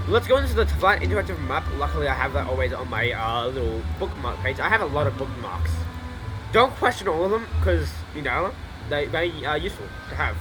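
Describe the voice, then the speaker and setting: A young man gives casual gameplay commentary, rambling, excitable and quick to swear. His voice sits somewhat high. Game music plays clearly under him. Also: low-quality recording. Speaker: gaming YouTuber. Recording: voice over loud game music.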